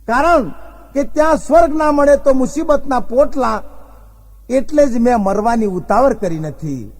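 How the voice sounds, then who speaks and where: High-voiced man telling jokes. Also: expressive, measured pace, a little hiss or hum. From Gujarat, India. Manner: folksy joke-telling with acted dialogue. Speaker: stand-up comedian. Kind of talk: comic storytelling on stage.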